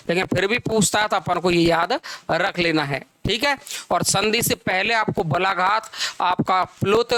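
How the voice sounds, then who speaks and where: A man teaching grammar, repeating phrases slowly for dictation and asking and answering his own questions. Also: high voice, sharp tone, no room sound. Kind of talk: classroom lecture.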